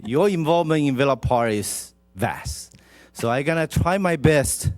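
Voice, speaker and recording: A man's voice: fairly high pitch, animated, unhurried, soft background music. A man with a Taiwanese accent speaking as a mayor at a council meeting, chatty and jovial as he addresses people directly in a ceremonial address. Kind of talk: informal ceremonial public address with proclamation reading.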